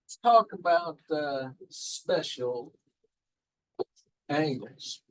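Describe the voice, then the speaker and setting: Laid-back male teacher in a classroom, slow-paced and a bit high-voiced, coaxing answers from students. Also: lively intonation, low-quality recording. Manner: casual, quizzing the class with repeated prompts. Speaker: math teacher. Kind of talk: classroom lecture.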